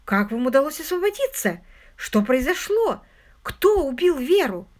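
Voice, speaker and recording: A woman voicing a prim, excitable older spinster who talks in a fussy, insistent rush in an audiobook. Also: high-pitched, normal speed, pitched above the performer's own voice. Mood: eager, alarmed.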